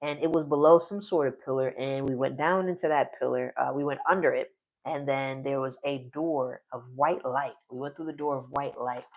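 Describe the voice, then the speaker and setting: During a live stream, a man in his forties rambles through narration of his solo tabletop game, laughing a lot and cutting off mid-sentence. His mid-range voice is steady at normal speed, though the recording is rough.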